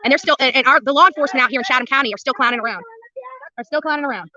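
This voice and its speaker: A woman with a high, racing voice sounds pushed and bright on a lo-fi recording with no room sound. She's livestreaming from a street protest, mixing angry commentary with casual chat, blunt and indignant, cursing and repeating phrases to drive her point home.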